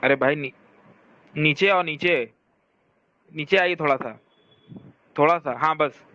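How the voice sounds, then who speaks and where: A man's voice: fairly high pitch, slow pace, bright, forceful tone, muffled recording. A man teaching a lesson on Vedic sciences, reading from a text and explaining it, often asking and answering his own questions. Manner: speaks to someone scrolling a shared document. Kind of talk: explanatory classroom lecture.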